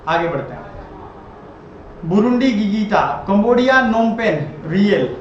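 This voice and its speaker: A man's voice: high voice, sing-song, takes it slowly. A man teaching an exam-prep general knowledge lesson, who repeats each answer and quizzes the viewer. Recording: very echoey, dull lo-fi room audio.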